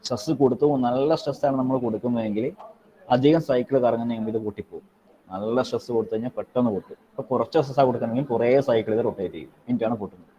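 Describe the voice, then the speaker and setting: A man teaching an online class, explaining in quick repetitive Malayalam and pausing to dictate notes slowly in English. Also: medium pitch, dark tone. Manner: repetitive, checks in with students often. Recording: dull lo-fi online call audio with faint noise.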